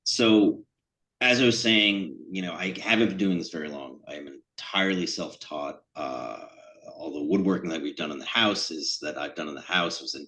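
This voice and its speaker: A middle-aged New Englander shows off his sculptures in an event room, talking in a loose, rambling way full of fillers and jokes at his own expense. He speaks at a moderate pace in a low-pitched, sharp-toned voice.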